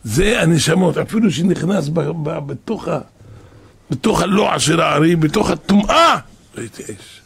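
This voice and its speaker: Very husky, gravelly male preacher. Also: fairly high pitch, animated, fairly bright tone. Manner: acts out the voices in his stories. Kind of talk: storytelling sermon.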